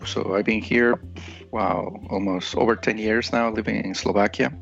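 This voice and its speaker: A man from Ecuador talks as a podcast guest in a low, gravelly voice. He speaks hesitantly and restarts his sentences often. The sound is dull and lo-fi, with faint music behind him. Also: steady tone, moderate pace. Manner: hesitant, many restarts and fillers. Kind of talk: casual interview conversation.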